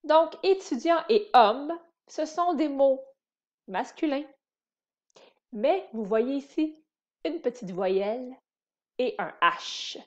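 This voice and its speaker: A woman leads a grammar lesson for beginners, repeating and spelling out each word. Her voice sits a little high and she speaks slowly and deliberately. The recording is slightly muffled and lo-fi. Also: expressive, a little mellow. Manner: patient, spells and repeats words for learners. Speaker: French teacher. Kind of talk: slow explanatory grammar lesson.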